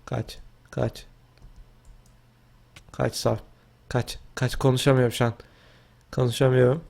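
A young man casually commentating his own Minecraft gameplay, talking to himself and yelping and shouting as the action heats up. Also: medium pitch, takes it slowly, creaky. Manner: excitable, talks to himself, yelps and shouts mid-game. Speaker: gaming video host.

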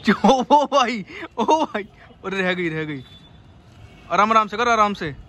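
Holding his phone camera outdoors on an urban rooftop, a young Indian vlogger gives casual commentary. He sounds high and bright, takes his time, gets excited, laughs, and eggs a friend on.

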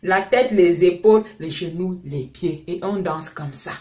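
A man's voice: sits high, unhurried, darkish tone. A man from France, a parent and channel host, giving a casual spoken lesson, chatty with lots of fillers and repeated words.

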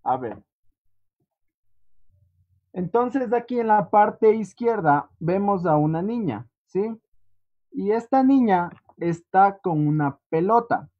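An English teacher runs an online class without hurrying, stopping now and then to ask "¿sí?" to check in. Her medium-pitched voice has lively intonation and comes over a computer mic in muffled, lo-fi sound.

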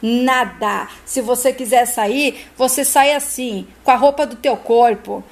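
Woman reading a jealous wife, manic, shouting and pleading, soap opera retelling, highish voice. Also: measured pace. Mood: frantic.

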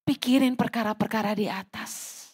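A woman pastor preaching a lively church sermon in a casual, teasing way. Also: a little high, normal speed, husky. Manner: lively, mocks petty prayers in put-on voices. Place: church service, livestreamed.

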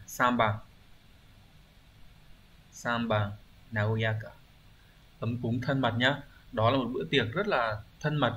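A man of middle pitch talks his students through exam questions one at a time. He explains each word patiently and keeps pausing to check that they follow. A faint hiss sits under the recording. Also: pushed and bright, muffled recording. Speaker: Japanese teacher. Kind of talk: exam review lesson.

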